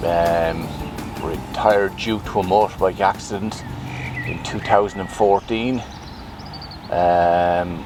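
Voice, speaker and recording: A man's voice: deep voice, noisy background. A middle-aged Irish man, a retired butcher, telling his story in an interview, hesitant and reflective with many fillers. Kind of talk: personal testimony interview.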